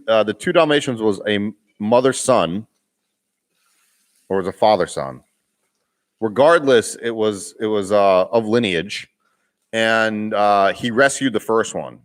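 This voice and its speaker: His voice is fairly low and a bit bright: a young man from Boston running a live-stream Q&A as a vlogger. The chat is casual, with comments read aloud, frequent laughter, and restarted sentences.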